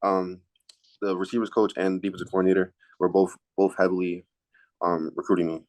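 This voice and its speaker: A young man in his late teens, a high school athlete, answering casual interview questions in a halting way, repeating words as he thinks. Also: level tone, a little mellow. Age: late teens, high school senior.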